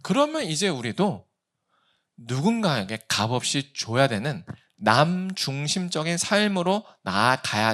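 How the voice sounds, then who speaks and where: Male pastor, 30s, sermon; raised voice, very expressive pitch, rhetorical questions. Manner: animated preaching with acted-out quotes and rhetorical questions.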